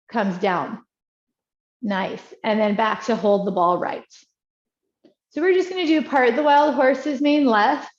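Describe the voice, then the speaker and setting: A woman teaching tai chi, giving calm, encouraging movement cues in short, unhurried phrases. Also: on the high side. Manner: encouraging, praising as she guides. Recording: dull, echoey room sound.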